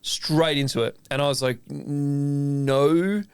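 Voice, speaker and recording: Australian man, chef co-host, casual chat, animated storytelling, acts out quotes, swears a lot, dry close sound. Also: fairly high pitch, a little slow, creaky, clear, resonant tone, no room sound. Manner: animated storyteller acting out both sides of a conversation; swears freely.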